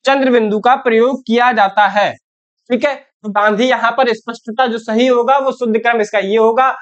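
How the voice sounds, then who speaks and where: A woman's voice: a little high, steady tone, normal speed, clear, resonant tone. Woman teacher quizzing pupils, lo-fi audio. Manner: repeats "theek hai" and quizzes pupils with questions; calls pupils "beta". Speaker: Hindi teacher. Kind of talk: online class lesson for 9th graders.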